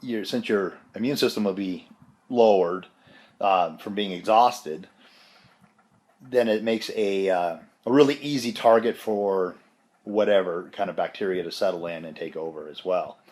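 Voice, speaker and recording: Low-voiced man, sick with a chesty cough. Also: unhurried, a little mellow. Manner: rambling, self-deprecating. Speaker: vlogger giving a health update. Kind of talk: casual personal update.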